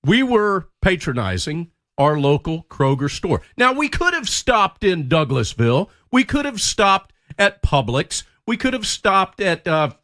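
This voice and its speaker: A man's voice: sits high, very animated, a little slow, hardly any pauses, a bit bright. A man co-hosting a radio show, complaining bluntly. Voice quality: blunt, ranting, politically incorrect cowboy. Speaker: radio co-host. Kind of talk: casual radio chat. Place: radio studio.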